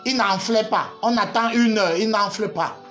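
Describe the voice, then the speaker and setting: A preacher delivering a fervent sermon, shouting, hammering repeated phrases and breaking into laughter, with congregation responses. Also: mid-range voice, moderate pace, faint music behind.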